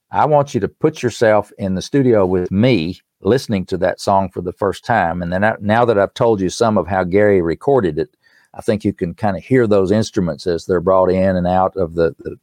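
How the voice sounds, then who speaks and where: In a clean, dry studio recording, an older man from East Tennessee talks in a low, slightly mellow voice at a moderate pace. He's a musician and author appearing as an interview guest, earnestly explaining things in a folksy, conversational tone while promoting his work. His East Tennessee accent comes through clearly.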